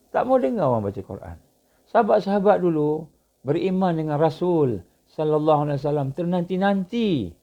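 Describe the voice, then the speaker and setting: A man preaching in a Malaysian Malay accent, his voice sitting a bit high for a man. He works the room with rhetorical questions and sudden leaps in pitch and loudness. The recording is dull and lo-fi. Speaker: Islamic preacher. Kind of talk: religious lecture.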